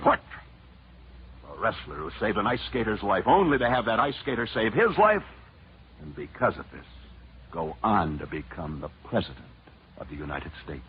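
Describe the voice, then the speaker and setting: A man as a sports broadcaster, telling stories in dramatic 1940s radio newsreel narration with theatrical pitch swings. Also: big pitch swings, moderate pace, long pauses, heavy background noise. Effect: old radio newsreel broadcast. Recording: muffled old radio recording with loud music.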